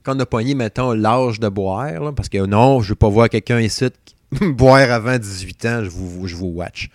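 A man's voice: lowish voice, moderate pace, no room sound, clean studio sound. A man in his thirties from Saguenay with a Québécois French accent, co-hosting a casual chat show and joking about old songs. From Saguenay, Quebec. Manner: animated, joking, hums song snippets. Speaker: podcast co-host.

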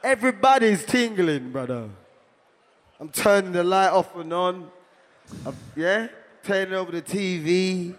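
A high-voiced man with a London roadman accent riffs as a stage comic. He repeats himself and interrupts in heavy street slang. His voice rings with the long reverb of a hall. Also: a little slow. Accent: London, urban street slang. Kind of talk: rowdy comic banter on stage.

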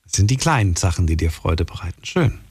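A man's voice: low-pitched, big pitch swings, brisk, slightly rough, no echo. A young man hosting a phone-in radio show, asking friendly, probing questions. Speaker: radio host.

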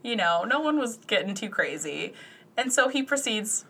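A woman's voice: mid-range voice, moderate pace, breathy edge. A young adult woman telling a casual anecdote as a podcast guest, acting out the dialogue as she goes. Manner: animated, acts out quoted dialogue.

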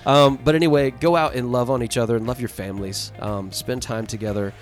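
A man's voice: mid-range voice, fairly even intonation, a little fast, faint music behind. A man hosting a podcast, leading an earnest closing prayer and sign-off in a stuffy, nasal voice. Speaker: podcast host.

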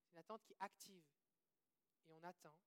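A woman's voice: lowish voice, brisk. A woman with a Québécois French accent preaching a sermon, quoting scripture, asking the audience questions and leading prayers. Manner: earnest, asks the audience questions, quotes scripture.

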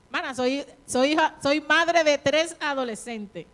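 A woman in middle age delivers a sermon in a high-pitched voice. She urges her listeners on and asks them questions directly. Every so often she acts out the quoted words of other people. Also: measured pace, a bit bright. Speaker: preacher.

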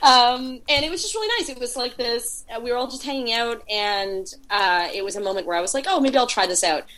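Fairly high-pitched, fairly quick, and somewhat bright, this woman's voice belongs to a podcast guest who works as an indie game PR producer. She's a chatty storyteller in a casual interview, using lots of fillers.

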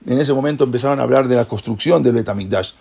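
A man teaching a Torah class, retelling the story in a lively way and acting out the characters' voices. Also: mid-range voice, fast talker, creaky, husky. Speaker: religious teacher.

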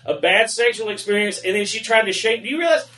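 A man's voice: high voice, quick pace, bright, forceful tone. A man on a comedy panel, rambling through crude, profane jokes. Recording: roomy sound from a distant mic.

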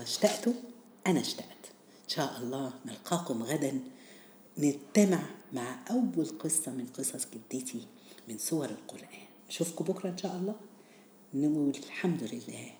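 A woman with an Egyptian accent hosts a religious storytelling series in a conversational style. Her voice sits low, with a mellow, dark tone. She teaches as she goes, addressing listeners directly and posing rhetorical questions. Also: a little hiss or hum. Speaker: storyteller and host of a Ramadan series on Quran stories.

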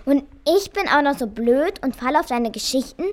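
A woman voicing a small, naive female mouse who talks in a lively, exclaiming, emphatic way in a storybook tale. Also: high voice, measured pace. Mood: indignant.

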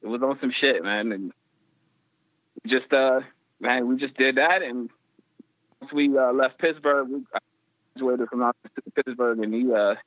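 A man's voice: medium pitch, unhurried, pauses often, dry recording. Guest, male, middle-aged, from Detroit; loose slangy storyteller on a choppy, breaking-up call. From Detroit, USA. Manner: laid-back, slangy, rambling with many fillers. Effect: phone line breaking up. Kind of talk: casual storytelling interview. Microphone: phone. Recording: tinny dry phone line.

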